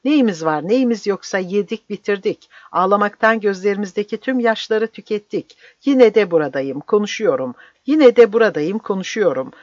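Bitter old man yelling, done by a reader, dull dry audio. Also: medium pitch, big pitch swings, fast talker, hardly any pauses, dry recording. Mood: anguished. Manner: shouting, anguished.

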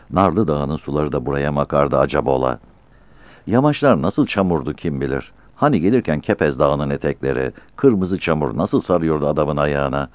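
A man narrating a novel in a calm, expressive storytelling voice. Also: extremely low pitch, no room sound. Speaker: audiobook narrator. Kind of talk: literary narration. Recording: slightly muffled dry recording.

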